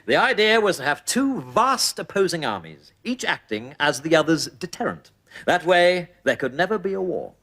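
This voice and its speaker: An actor playing a weary, sardonic army captain with dry, sarcastic delivery, in a played-back TV comedy clip. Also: male voice, a little high, very animated, moderate pace, a bit bright, exaggerated voice. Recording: TV clip played back with heavy background noise.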